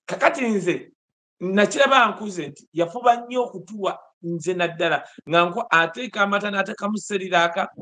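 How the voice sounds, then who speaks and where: Ugandan man, high voice, fast talk, animated and emphatic, webcam video call. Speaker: host. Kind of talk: political commentary on a video call. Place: indoor room.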